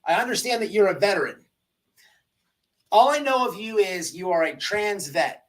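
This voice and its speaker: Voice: mid-range voice, expressive, normal speed, a bit bright, recorded from a distance, rough recording. A livestream host delivering an informal exposé in a smug, sarcastic way, hammering points by repeating phrases. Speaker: host of a livestream commentary channel.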